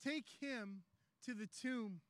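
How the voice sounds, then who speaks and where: A man preaching a sermon, telling the story conversationally and building to shouted climaxes. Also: very high voice, slow pace, no room sound. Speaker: pastor.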